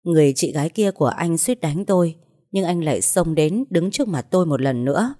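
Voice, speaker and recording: A woman's voice: low-pitched, lively intonation, fairly quick, dark tone. A woman telling a scripted first-person story in an earnest, emotional way.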